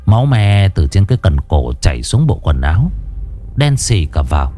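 A man narrating a ghost story in the first person, dramatic and expressive, dwelling on grim details. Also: sits low, normal speed, slight background noise.

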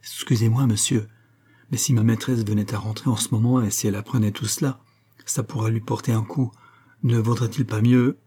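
A man's voice: on the low side, fairly even intonation, brisk, dark tone, breathy edge. A man voicing an old, respectful butler who speaks hesitantly and deferentially.

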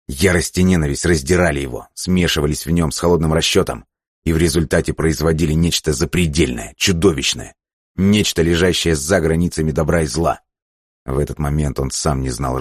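A man reading an audiobook aloud in a steady, dramatic manner. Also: a bass voice, husky, dry recording, studio quality. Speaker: audiobook narrator. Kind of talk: scripted narration.

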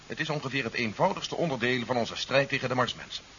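A man's voice: mid-range voice, quick pace, pushed and bright, natural voice. A man playing a resolute, coolly calculating general in a 1970s science fiction radio play, articulate and matter-of-fact. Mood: firm, persuasive. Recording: dull 1970s radio recording with hiss.

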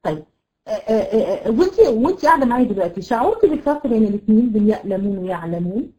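An Egyptian woman teaching a tajweed lesson online to women students, explaining patiently and demonstrating letter sounds slowly. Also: a little high, very animated, warm tone, low-quality recording. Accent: Egyptian Arabic. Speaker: Quran recitation teacher.

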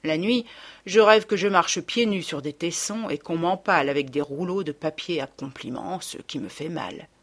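Female audiobook narrator, low voice, expressive and wry first-person reading. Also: moderate pace. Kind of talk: scripted literary narration.

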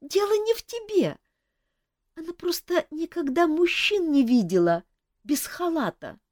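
A woman voicing a gentle young male wizard who soothes a friend sympathetically. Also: extremely high pitch, very animated, measured pace, no room sound, studio quality, pitched above the performer's own voice, full character voice. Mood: soothing.

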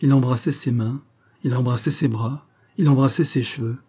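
A man narrating a novel in a measured, even storytelling manner. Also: mid-range voice, breathy edge. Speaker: audiobook narrator.

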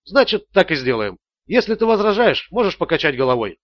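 A man voicing a ruthless male interrogator who speaks in calm, clipped threats. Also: high voice, fairly quick, no room sound, lo-fi sound. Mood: cold.

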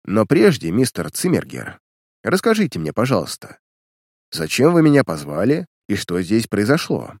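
A calm, dry-spoken detective voiced by a man reading aloud, curt and businesslike. His intonation still moves a lot, and the recording is dry and close. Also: lowish voice, normal speed, no echo, exaggerated voice.

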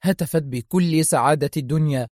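Casting: male audiobook narrator, dramatic delivery, slightly high pitch. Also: a little fast, darkish tone, no room sound, studio quality.

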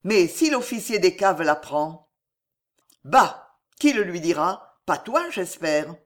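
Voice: mid-range voice, lively intonation, slow, fairly bright tone. A reader voicing a teasing, anxious young serving girl in an audiobook. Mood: coaxing. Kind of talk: audiobook character reading.

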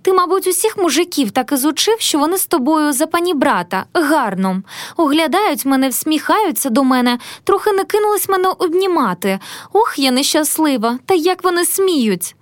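A spoiled, haughty young lady from a storybook, shrill and indignant, as a woman reads her. Her voice sits high and swoops widely. The recording is dry and close. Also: sing-song, moderate pace, dry recording.

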